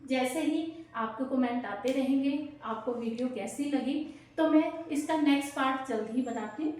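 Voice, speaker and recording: A woman teaching an exam-prep grammar lesson, explaining slowly and asking and answering her own questions. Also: high voice, darkish tone. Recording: very echoey room, distant mic.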